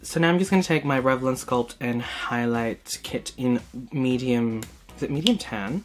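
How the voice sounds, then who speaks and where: A man's voice: medium pitch, moderate pace, soft background music. A young man from Hong Kong, a beauty vlogger, chatting casually with many fillers while narrating his makeup steps in a small room. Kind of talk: casual get-ready-with-me chat. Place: small indoor room, plain backdrop.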